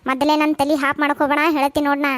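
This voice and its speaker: A woman voicing quarrelling village women in a cartoon, shrill and cursing, with a North Karnataka accent. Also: flat delivery, racing, dry recording, lightly acted. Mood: quarrelsome. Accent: North Karnataka Kannada. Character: shrill quarrelsome village mother-in-law and daughter-in-law. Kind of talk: cartoon voice acting.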